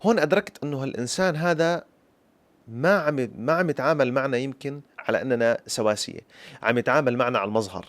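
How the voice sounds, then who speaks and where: A young man with a Syrian accent tells his own story at a breakneck clip. He speaks like a traditional storyteller, turning to his listeners again and again. His voice is mid-pitched, and the sound is dry and close. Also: dry recording. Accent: Syrian Arabic. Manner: lively folk-tale storytelling with repeated flourishes addressed to listeners. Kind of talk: personal story told to camera.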